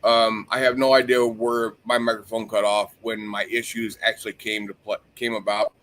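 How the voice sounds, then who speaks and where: A man's voice: on the low side, little pitch movement, normal speed, fairly bright tone. A man hosting a livestream, chatting casually and swearing freely as he rants. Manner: profane, rambling, heated when ranting. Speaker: stream host.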